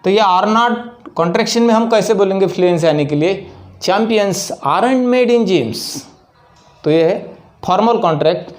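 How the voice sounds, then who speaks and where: A man teaching an English lesson, explaining slowly and deliberately and spelling out example sentences. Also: sits high, darkish tone.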